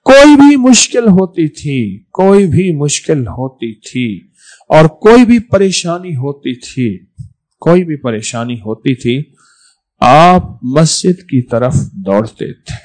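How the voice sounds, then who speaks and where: A man giving a religious sermon, repeating phrases for emphasis and swinging between loud stresses and soft drops. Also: a little high, poor audio. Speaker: preacher.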